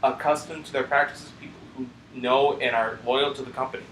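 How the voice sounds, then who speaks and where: A man's voice: mid-range voice, fairly even intonation, brisk, fairly bright tone, roomy sound, a little hiss or hum, rough recording. A man co-hosting a casual gaming podcast, speculating aloud with frequent restarts and slips of the tongue. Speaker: podcast co-host.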